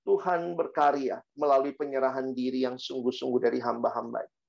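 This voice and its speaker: Gravelly-voiced male pastor, lo-fi sound. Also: mid-range voice, fairly quick. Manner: animated storytelling, acts out quoted voices. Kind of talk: sermon.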